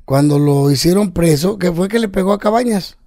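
A man's voice: high-pitched, a little fast, dark tone, no room sound, studio quality. A man with a Mexican accent, a comedian guest telling stories in crude, slangy casual chat. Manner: crude slangy storytelling, swearing.

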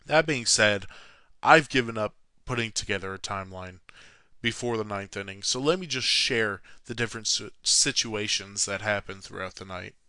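A man's voice: on the low side, sharp tone, clear, resonant tone, no room sound. A man narrating a sports history story from a script, sarcastic and self-mocking, with frequent swearing. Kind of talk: read-from-script narration with jokey asides.

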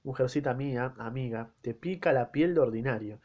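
A man's voice: mid-range voice, normal speed, close to an everyday voice. An Argentine man voicing a brash, mocking drunken husband, tossing off flippant retorts in a slightly muffled recording.

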